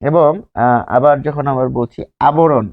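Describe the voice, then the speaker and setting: A man gives a grammar lesson at a whiteboard in a Bangladeshi Bengali accent, explaining slowly, repeating words and asking rhetorical questions. His voice leans high with fairly even intonation, captured in narrow, tinny audio.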